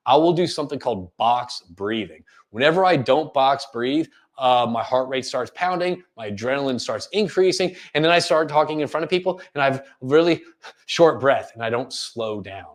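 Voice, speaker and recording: A man in the middle of a live webinar, coaching an audience on how to use the voice. His delivery is casual and animated, full of quick check-ins as he demonstrates one tone after another. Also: medium pitch. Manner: animated, demonstrates vocal tones, asks listeners questions; casual filler-laden delivery with frequent "right?". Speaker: leadership coach hosting a webinar.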